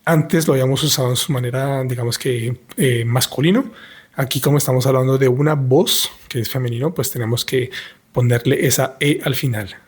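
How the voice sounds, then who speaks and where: A man teaching as a French teacher, reading lines aloud and explaining them slowly and patiently. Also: medium pitch, slightly rough. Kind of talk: language lesson reading and translating.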